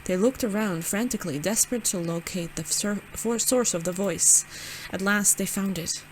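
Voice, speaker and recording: A woman's voice: medium pitch, normal speed, a little hiss or hum. Young woman reading a game aloud. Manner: casual, giggly, stumbles over words. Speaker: gaming channel host. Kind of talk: reading a visual novel aloud with asides.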